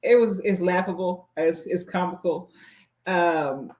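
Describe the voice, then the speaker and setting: A man's voice: high-pitched, measured pace, darkish tone. A man reacting in a casual chat, laughing in disbelief. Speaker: guest. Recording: echoey room, faint noise.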